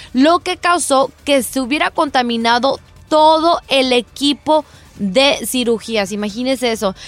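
A woman's voice: high voice, no echo. A woman co-hosting a news show, reading a story in a chatty way and addressing the listener directly. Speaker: news co-host.

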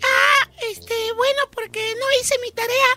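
Here is a tiny, cheeky schoolboy, squeaking in a very high, childlike voice and firing back wisecracks in a comedy classroom sketch. A loud wash of noise sits under the voice. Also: fairly even intonation. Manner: joking, quick comebacks. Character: cheeky little schoolboy Garbancito, giggly. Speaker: sketch performer.

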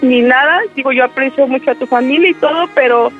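A man's voice: very high-pitched, quick pace, narrow, tinny audio, soft background music. A man putting on the voice of a heartbroken young woman who accuses her boyfriend of cheating and refuses to hear him out, in a radio prank call. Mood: wounded, accusing. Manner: tearful, hurt and resolute, refusing to listen.

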